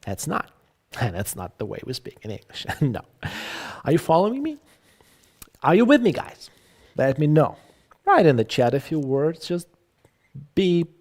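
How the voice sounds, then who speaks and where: A man's voice: medium pitch, a little mellow, husky. A man teaching English in a live online lecture, acting out example phrases and repeating himself.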